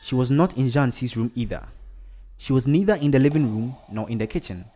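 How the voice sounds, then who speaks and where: Man narrating a story with lively intonation. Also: medium pitch, fairly quick. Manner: expressive, varied.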